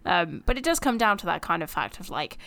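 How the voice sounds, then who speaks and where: A chatty woman co-hosting a casual podcast. Her voice is fairly low, yet it moves up and down a lot. She talks expressively and laughs easily. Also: very animated, a little fast, vocal fry, sharp tone. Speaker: podcast co-host. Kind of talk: casual chat reviewing TV episodes.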